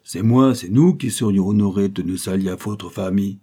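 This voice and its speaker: A man's voice: fairly low pitch, normal speed, warm tone, slightly rough. A man reading an audiobook voices a good-humored, effusive older father who is devoted to his mother. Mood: earnest.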